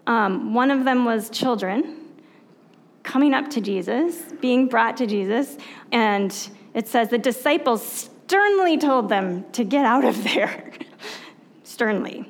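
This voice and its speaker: A woman pastor giving a conversational sermon, reflective and unhurried, who often asks her listeners rhetorical questions and pauses with soft fillers. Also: a little high, expressive.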